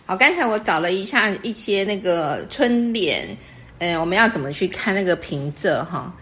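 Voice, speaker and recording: A woman with a fairly low, somewhat bright voice and lively intonation talks at a moderate pace. She patiently explains customs to a guest in an easygoing chat, checking her understanding with quiz questions in a teacherly manner, and the space sounds echoey.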